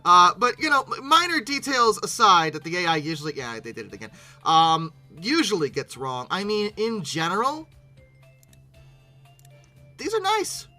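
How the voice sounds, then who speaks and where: A YouTube host with a bright, forceful, medium-pitched voice presents a casual reaction video at a moderate pace, the intonation lively and swinging. Bemused and funny, the speaker stumbles and repeats words while exclaiming over background music.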